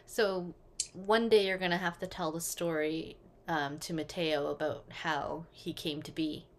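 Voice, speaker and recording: A woman's voice: sits low, fairly even intonation, measured pace, a little hiss or hum. A woman co-hosting a podcast in casual chat, teasing her friend and laughing often. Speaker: podcast co-host.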